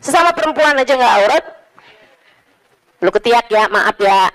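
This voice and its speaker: A woman preacher delivering an Islamic sermon, telling stories with acted voices and dropping to hushed, earnest tones. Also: mid-range voice, a little slow, low-quality recording. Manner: lively storytelling, acts out voices in quotes, drops to hushed tones.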